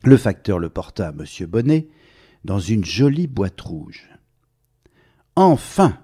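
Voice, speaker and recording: A man reading a children's story aloud, speaking gently and addressing the child listener directly. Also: low voice, big pitch swings, a little slow, husky.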